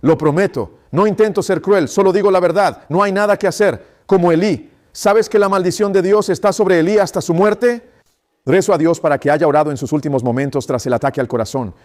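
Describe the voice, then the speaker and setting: A male preacher delivers a sermon in a voice pitched a little high. He talks with insistent emphasis. He keeps putting rhetorical questions to his congregation. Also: brisk, a little mellow.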